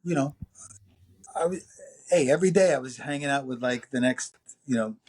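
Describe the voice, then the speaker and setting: A man's voice: medium pitch, fast talker. Man in his 60s, new york accent, rambling storyteller, lots of uhs and acted-out quotes. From New York City. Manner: rambling, anecdotal, lively quoted voices, many fillers. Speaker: music producer and engineer guest. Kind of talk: casual interview storytelling.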